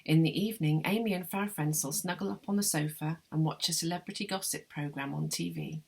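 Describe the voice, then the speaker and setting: A woman reads a literary novel in measured, wry first person. Her voice sits low and carries a gravelly fry. A husky grain runs through it. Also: a little mellow. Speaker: literary translator reading her translation. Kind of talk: literary reading of a novel excerpt.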